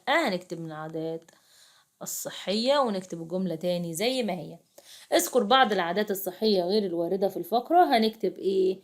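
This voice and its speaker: A young adult woman with an Egyptian accent, tutoring second graders in a chatty, coaxing way and speaking straight to her pupils. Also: on the low side. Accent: Egyptian Arabic. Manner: chatty, coaxing, addresses pupils directly, frequent restarts. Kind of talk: casual classroom explanation.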